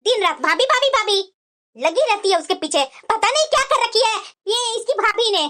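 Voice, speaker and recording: Cartoon: scolding older mother-in-law, high, sharp, bright. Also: lively intonation, moderate pace, exaggerated voice. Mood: complaining. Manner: scolding, complaining. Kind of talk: Hindi cartoon family drama.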